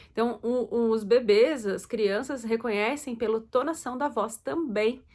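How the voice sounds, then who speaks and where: A woman's voice: fairly high pitch, fairly bright tone. A woman gives casual advice to parents, chatty and loose, with many fillers and self-corrections. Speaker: host talking to parents.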